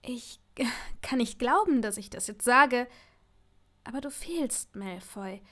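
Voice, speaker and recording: A woman's voice: fairly high pitch, lively intonation, slow, fairly bright tone. A woman voicing a nervous but proud young woman in an audiobook, speaking in a lifted, eager tone.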